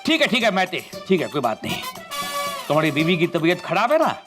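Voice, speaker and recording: A bossy, distrustful sitcom boss who scolds in drawn-out phrases. His voice sits high and swings widely, with music underneath. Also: wildly swooping pitch. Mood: stern. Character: suspicious, bossy male office boss. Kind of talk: broad sitcom acting.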